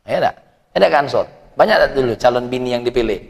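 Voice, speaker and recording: A man's voice: medium pitch, fast, vocal fry. A man preaching a dawn religious lecture, telling stories and teasing his listeners. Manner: lively storytelling with teasing asides to listeners. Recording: long hall reverb.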